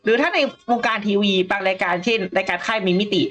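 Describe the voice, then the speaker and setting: A woman's voice: medium pitch, lively intonation, fast talker, fairly bright tone. A woman co-hosting a news talk show, thinking aloud in a casual panel discussion with frequent hesitations.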